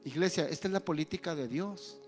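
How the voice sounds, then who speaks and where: A male pastor, preaching an animated sermon and acting out the voices of the people he quotes. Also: on the high side, fairly quick, faint music behind.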